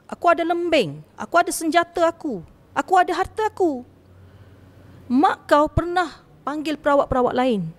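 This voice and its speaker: A proud, enraged jinn king boasts and threatens, pitched far above the speaker's usual voice, as a woman puts him on. He sounds strained and distant, barking out commands with no room for argument. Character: furious arrogant male jinn king.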